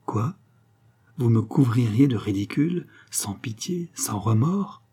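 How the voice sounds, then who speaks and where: A haughty aristocratic lady with a biting, imperious tongue, put on by a male reader in a raised voice. She sounds dark and husky, cold and mocking. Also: mid-range voice, lively intonation, unhurried. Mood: anxious.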